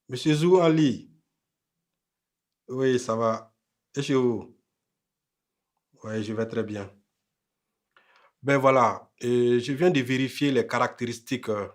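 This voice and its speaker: A man's voice: medium pitch, lightly acted. An actor with a Burkinabè French accent, playing an arrogant newly rich husband who talks down to his wife. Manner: curt and scornful at home, polite on phone.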